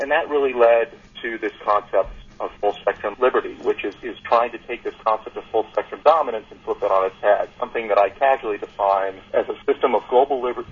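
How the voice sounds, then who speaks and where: A man's voice: fairly low pitch, husky. A man on a panel call earnestly explaining an idea, building it up point by point. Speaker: panel caller. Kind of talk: casual call-in discussion. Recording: muffled lo-fi line.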